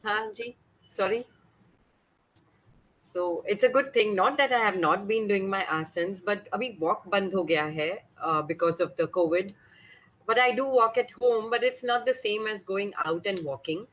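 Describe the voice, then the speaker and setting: A woman's voice: mid-range voice, brisk, a bit bright, lo-fi sound. A middle-aged woman, sharing informally in a group session and slipping between English and Hindi.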